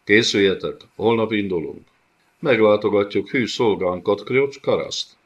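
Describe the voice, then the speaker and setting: A man's voice: on the low side, pitched above the performer's own voice, close to an everyday voice. A man voicing a cruel, clawed male monster lord who hisses and thunders his words in a scornful, domineering way, in a dull lo-fi audiobook recording. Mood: menacing. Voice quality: hissing, thundering.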